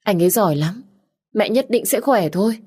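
A woman's voice: medium pitch, lively intonation, moderate pace, mellow, breathy edge, pitched above the performer's own voice. A woman voicing an anxious young son who speaks in a pleading, emotional way in an audiobook. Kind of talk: audiobook character reading.

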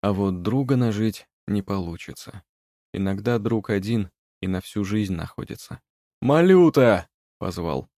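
A male narrator reads a fairy tale in a calm, even manner. His voice sits low. The recording is dry and close, with no room sound. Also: normal speed, no room sound. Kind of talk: audiobook narration.

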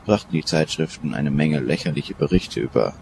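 An older professor of Egyptology in a radio play. He speaks in a very low voice, measured and in command. A faint hiss runs under it. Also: expressive, gravelly, darkish tone, exaggerated voice. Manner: measured, authoritative.

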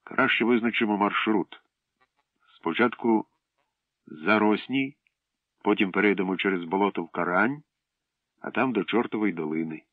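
Man doing a village boy, storybook, eager, touchy, lowish voice, dry phone-like sound. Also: no echo, natural voice. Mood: earnest. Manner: earnest, quick to take offense.

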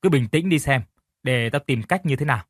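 A man voicing a gruff, fatherly older village man who talks bluntly and bossily. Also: medium pitch, expressive, fairly quick, no echo, clean studio sound, natural voice. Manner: blunt, bossy, scolding. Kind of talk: audiobook character reading.

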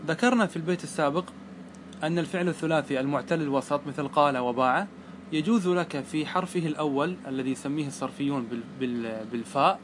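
A man's voice: a little high, background noise. A man teaching Arabic grammar, explaining a classical poem line by line, patient, repeating his points and checking that the students follow.

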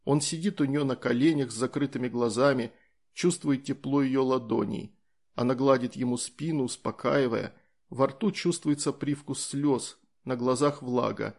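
Gravelly male audiobook narrator. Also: mid-range voice, normal speed, darkish tone.

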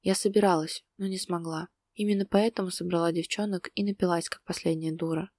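Woman voicing Lena, a fragile hushed young woman. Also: fairly low pitch, fairly even intonation, fairly quick, dry recording, close to an everyday voice. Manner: quiet, hushed, whispering.

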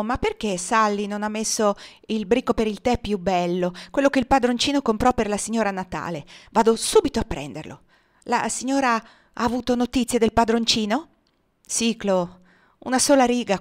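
A woman voicing a talkative aging house cook, devoted and emotional, in a lively exclaiming way. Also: medium pitch, normal speed, lightly acted. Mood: chatty.

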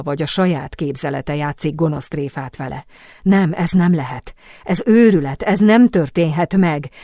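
A woman narrating an audiobook in a dramatic, expressive storytelling manner. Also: low-pitched, no room sound, clean studio sound. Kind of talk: scripted narration.

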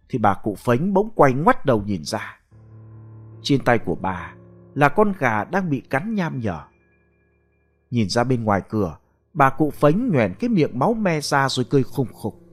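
A man narrating a ghost story in an expressive storytelling voice. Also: mid-range voice. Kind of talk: scripted narration.

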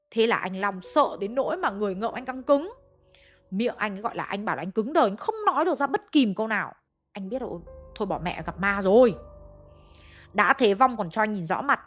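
Hanoi woman storyteller, chatty ghost-story narration over faint music. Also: mid-range voice. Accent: Hanoi Vietnamese. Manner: conversational, addresses listeners.

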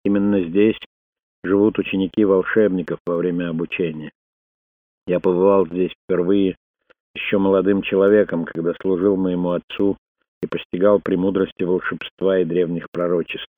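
A man voicing a solemn, guarded old male sorcerer in an audiobook, speaking in a grave, measured way. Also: sits low, little pitch movement. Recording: dry, phone-like narrow sound.

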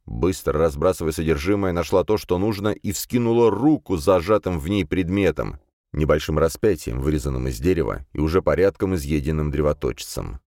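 A man narrates a novel in a deep, low voice that rises and falls with lively expression. His storytelling is measured and engaged. The recording is close and dry, with no room echo. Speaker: audiobook narrator. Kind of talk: scripted narration.

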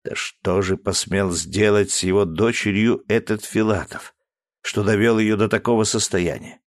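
A man's voice: fairly low pitch, steady tone, normal speed, no room sound, studio quality. A man narrating an audiobook, reading expressively and voicing each character. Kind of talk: scripted narration.

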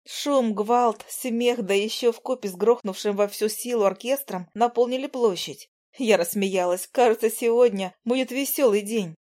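A woman reading an audiobook, narrating in the first person with lively, playful storytelling. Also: on the high side, normal speed.

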